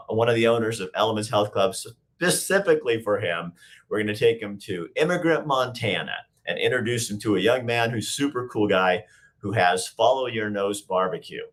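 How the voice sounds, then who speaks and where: A slightly hoarse man hosting a live talk show, joking and rambling casually with fillers. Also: fairly low pitch, lively intonation, moderate pace, a bit bright.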